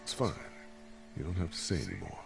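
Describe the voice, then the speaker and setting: A steady middle-aged survivor and former professor in a story game, with a very deep voice whose pitch moves a lot. He talks calmly and gently, with game music under him. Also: creaky, full character voice. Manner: calm, measured and gentle.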